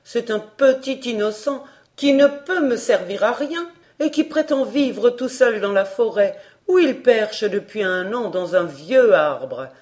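A scheming old beggar woman who pretends to be simple, wheedling and scornful as she bargains, as a woman reading a storybook puts her on. Her voice rises a little higher and louder, and it swings widely in pitch. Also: animated, a little slow.

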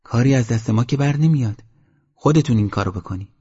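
A man's voice: mid-range voice, mellow, slightly rough. A man reading the lines of a weary village aunt in an audiobook, in a plain, matter-of-fact way, on a dull lo-fi recording. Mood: flat resigned.

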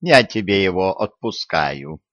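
A man voicing an elderly patriarch who speaks slowly in a measured, fatherly manner. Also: deep voice, animated, a bit bright, dry recording. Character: elderly male patriarch, calm, dignified, shrewd. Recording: dry, dull lo-fi audio.

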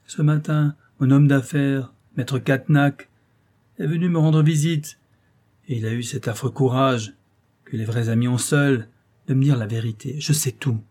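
A man voicing an anguished middle-aged contractor father in an audiobook, speaking loudly in a hoarse, clipped, emphatic way. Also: mid-range voice, steady tone, moderate pace, close to an everyday voice. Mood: indignant. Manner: loud, grieving, emphatic pleading. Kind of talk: audiobook character voice.

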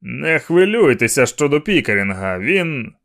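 A man voicing another man who shouts hoarsely across a fire scene, in an audiobook narration. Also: medium pitch, animated, a little slow. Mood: shouting. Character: man shouting warnings beside a burning house.

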